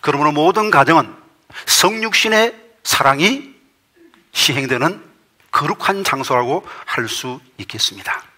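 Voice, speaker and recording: A middle-aged man preaching a sermon as pastor, emphatic and rising to forceful peaks. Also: a little high, animated. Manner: reads a quoted testimony aloud in a measured storytelling tone.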